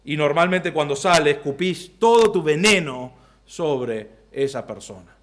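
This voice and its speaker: A man preaching an expository sermon from the pulpit in an Argentine Spanish accent, swinging from loud bursts to quiet low asides. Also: expressive, measured pace. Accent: Rioplatense Spanish. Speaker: pastor.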